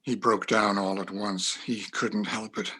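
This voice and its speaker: Husky male storybook narrator. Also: on the low side, flat delivery, measured pace, pushed and bright. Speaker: narrator, community reader. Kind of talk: dramatic reading of a classic story.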